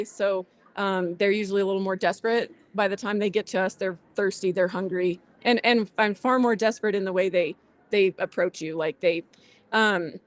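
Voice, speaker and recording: A woman's voice: medium pitch, no echo. A woman explaining things plainly as a guest in a casual interview. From southwestern New Mexico, USA. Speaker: rancher and podcast guest.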